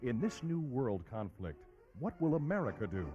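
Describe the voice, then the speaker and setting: A man's voice: medium pitch, big pitch swings, normal speed. A man narrating an old newsreel in a dramatic, declamatory style. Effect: old newsreel sound. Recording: dull lo-fi film audio with music. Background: music.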